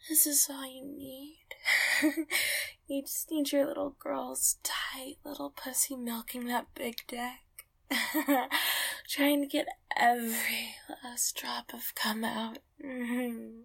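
Woman, high voice, whispery and husky, slow and drawn-out, gravelly edges. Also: flat delivery. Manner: soft, breathy, close whispering with soft laughs. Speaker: audio roleplay performer. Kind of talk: intimate whispered roleplay.

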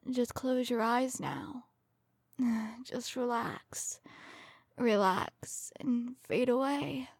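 A woman playing a coldly tender serial killer in a soft, breathy ASMR role-play, slowly soothing her victim as if comforting someone in her lap. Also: on the high side, fairly even intonation, no echo, heavily acted. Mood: tender, hushed.

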